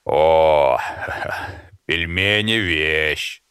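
A man's voice: deep voice, very animated, takes it slowly, a bit bright, dry recording, full character voice. A man reading an audiobook, voicing a brash, greedy, rude alien trader who keeps drawling "eh". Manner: drawling, interjecting "eh", cheeky. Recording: dry close mic, faint music.

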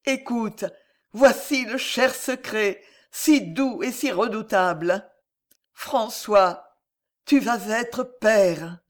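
A man's voice: high-pitched, takes it slowly, voice pushed up. A man doing a tender, devoted young woman. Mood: tender, fervent.

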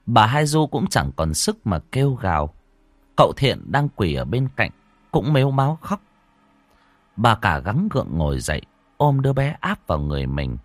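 A man narrating a horror story in a dramatic, expressive storytelling manner. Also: lowish voice, normal speed, dry recording. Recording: dry close voice over faint music.

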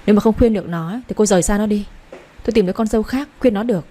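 A woman's voice: mid-range voice, racing, mellow, close to an everyday voice. A woman voicing a stern, domineering older mother who talks curtly and gives orders. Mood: angry. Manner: curt, commanding, impatient.

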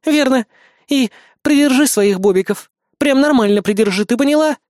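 A man reading an audiobook, voicing a brash, scheming young goddess who talks loud and snappy. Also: very high-pitched, animated, normal speed, no room sound, studio quality, voice pushed up. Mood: bossy. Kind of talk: audiobook character voice.

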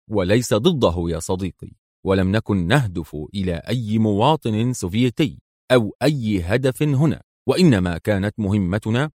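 Brief: man doing a cool, confident secret agent, calm delivery, dry close sound. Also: on the low side, no echo.

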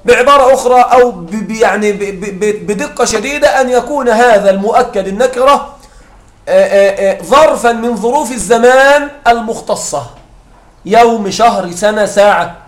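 At a normal speed and a high pitch, a man teaches a grammar class, repeating examples and frequently asking whether students follow. The recording has the echo of a classroom.

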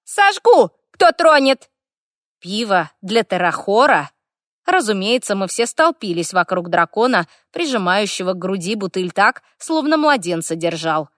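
A woman narrating a first-person fantasy audiobook. Her reading is wry and lively, with ironic asides. The sound is close and completely dry. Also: medium pitch, normal speed, no echo.

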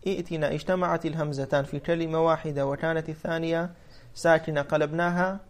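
A man whose voice is slightly higher than average teaches Arabic morphology in a classical grammar lesson, speaking fast with fairly even intonation. He works through the material step by step, repeating phrases and rewording each point for clarity. He often poses questions to his students and then answers them himself.

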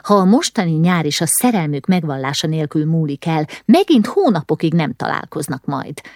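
A woman's voice: sits low, big pitch swings, darkish tone, no room sound, studio quality. A woman voicing an eager, scheming young noble girl who talks persuasively, in an audiobook reading.

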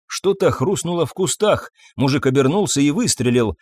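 A man narrating an audiobook in a measured storytelling manner. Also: fairly high pitch, lively intonation, darkish tone, husky, dry recording, studio quality. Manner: measured storytelling, voices figures himself. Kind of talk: scripted narration.

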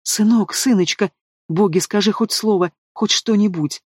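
A man's voice: sits high, brisk, dry recording, studio quality. A man voicing an anxious, loving dragon mother who speaks in a pleading, tremulous way. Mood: tearful.

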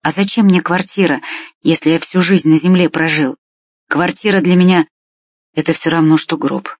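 A reader voicing a tearful sixty-year-old village man who talks slowly and sighs with grief, in a husky voice. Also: mid-range voice, fairly even intonation, no echo, lightly acted. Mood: grieving. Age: 60s. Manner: slow, sighing, heavy with grief. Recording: dull lo-fi dry recording.

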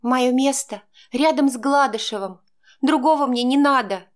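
A woman's voice: a little high, measured pace, voice pushed up, close to an everyday voice. A woman voicing a desperate, tearful young woman. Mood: tearful pleading. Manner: pleading, sobbing.

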